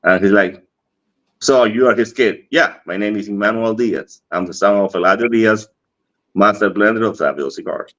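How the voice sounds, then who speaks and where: Speaking at a moderate pace in a lowish, slightly bright voice, this cigar industry guest from the Dominican Republic carries a Dominican Spanish accent. His storytelling is casual, full of acted-out dialogue and frequent laughter, heard over dull lo-fi stream audio.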